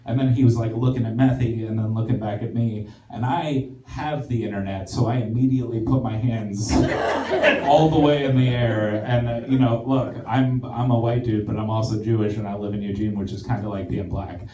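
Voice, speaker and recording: A man's voice: on the low side, fairly even intonation, moderate pace, heavy background noise. A man doing stand-up on a theater stage, telling a story in a rambling, self-deprecating way with lots of fillers and restarts, while the audience laughs. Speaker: stand-up comedian. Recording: roomy echoey live theater recording from far off.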